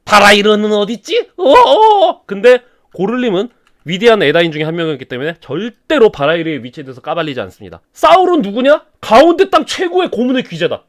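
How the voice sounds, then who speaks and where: Animated high-voiced man telling a legend. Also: fast talker. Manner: animated, slangy and conversational, acting out characters. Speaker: story YouTuber. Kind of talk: casual storytelling retelling a legend.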